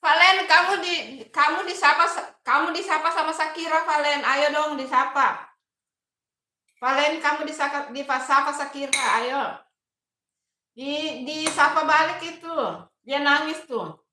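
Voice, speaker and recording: A woman chatting casually on a live stream, reading viewer comments aloud and gently coaxing them. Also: sits high, fairly even intonation, unhurried, pauses often, reverberant. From Indonesia. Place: home kitchen.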